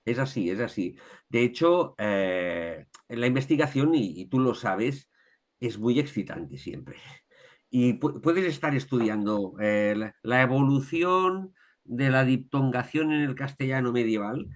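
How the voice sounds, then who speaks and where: A man's voice: medium pitch, animated, a little slow. Catalan man, thoughtful interview talk. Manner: thoughtful, many restarts and tag questions. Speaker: author, guest.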